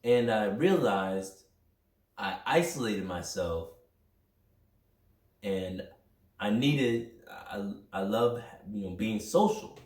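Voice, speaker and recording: A man's voice: on the low side, takes it slowly, pauses often. Young man talking in a roomy echo. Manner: energetic, rambling, self-reflective. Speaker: podcast host. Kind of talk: personal motivational monologue. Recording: roomy echo, mic at a distance.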